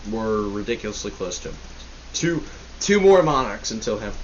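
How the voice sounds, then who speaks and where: A man's voice: lowish voice, big pitch swings, moderate pace, lo-fi sound. A young man hosting a casual history podcast, rambling and joking, often correcting himself. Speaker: podcast host. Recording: faint hiss.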